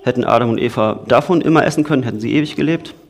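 A man from the Cologne area, giving an informal sermon in a conversational way, moving between lively storytelling and quiet earnestness. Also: medium pitch, racing. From Cologne area, Germany. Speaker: preacher.

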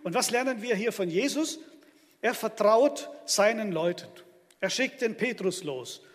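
A man's voice: sits high, expressive, measured pace. A man preaching an emphatic sermon to his congregation in a church hall. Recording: long church hall reverb.

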